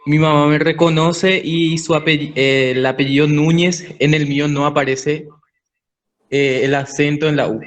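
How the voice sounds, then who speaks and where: A man's voice: fairly high pitch, flat delivery, normal speed. A man student hesitantly describing a case to his teacher, with many fillers. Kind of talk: asking questions in class.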